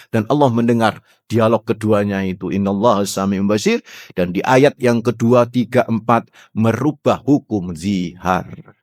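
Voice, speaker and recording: A man giving a mosque sermon as an ustadz. He tells the story in a lively way and keeps quizzing the audience. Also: mid-range voice, dry recording, clean studio sound. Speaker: ustadz, Islamic preacher. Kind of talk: morning mosque study sermon.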